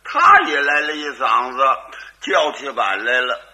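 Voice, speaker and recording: A man's voice: mid-range voice, wildly swooping pitch, unhurried, bright, forceful tone. A man performing a crosstalk comedy routine as lead storyteller, switching between his narration and character voices.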